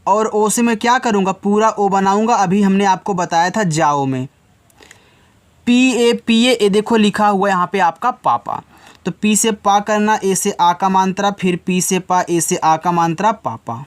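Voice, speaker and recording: A man teaching beginners to read, spelling out each letter slowly and talking patiently to children. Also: high-pitched, smooth. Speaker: English reading teacher.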